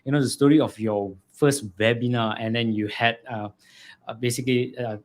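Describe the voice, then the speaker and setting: A man hosts a relaxed interview show, his voice in a middle pitch. He is friendly and hedges his questions, with plenty of fillers along the way. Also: moderate pace. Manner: friendly, hedging, many fillers. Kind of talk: casual interview.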